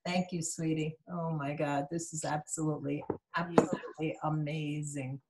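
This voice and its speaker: A woman's voice: low voice, level tone, normal speed, very noisy. Effusive older woman on a video call. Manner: effusive, affectionate. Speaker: retiree hosting a video call. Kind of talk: emotional casual chat.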